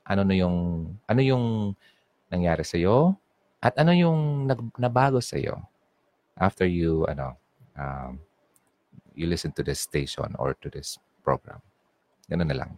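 A man's voice: deep voice, a little mellow, no room sound. A young Filipino man with a Bicolano accent hosting a casual call-in radio show, chatting in mixed Tagalog and English and reading out listener messages. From Bicol, Philippines. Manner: chatty Taglish code-switching, reads listener messages. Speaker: online radio DJ.

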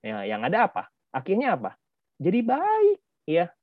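A man's voice: high voice, moderate pace, dry recording. A man teaching a children's Sunday school class, his voice swooping up and down as he acts out grumpy friends and fires questions at the kids. The sound is dry and a little dull, like lo-fi video call audio. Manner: lively, acts out angry kids' quotes, asks questions.

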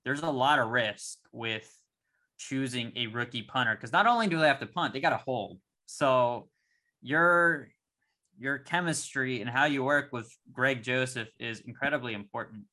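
Young male podcast co-host, bright eager voice, rambly sports chat. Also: mid-range voice, moderate pace. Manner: excitable, rambling with restarts.

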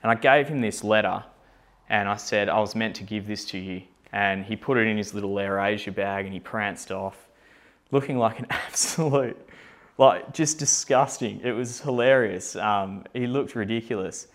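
Chatty young man with a lowish voice. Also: moderate pace, fairly bright tone. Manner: chatty, candid, lots of fillers and self-deprecating asides. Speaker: company founder. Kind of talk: casual personal storytelling.

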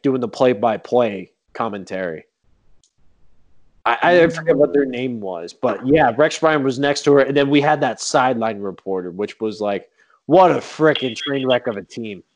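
A man's voice: mid-range voice, moderate pace. A man chatting casually and jokingly about sports, with many fillers. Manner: animated, joking, lots of fillers. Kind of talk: casual chat.

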